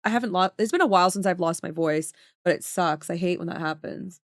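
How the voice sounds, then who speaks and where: This lower-voiced woman streamer speaks fairly quickly, chatting casually with viewers while she draws emotes and often leaving sentences unfinished as she works. The recording is dry and cleanly studio-made.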